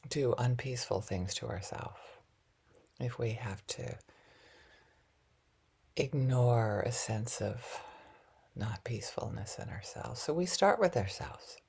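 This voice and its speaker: A woman teaching a loving-kindness meditation in a soft, often half-whispered, gentle and reflective way, with light laughs at herself. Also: rumbling low, breathy edge.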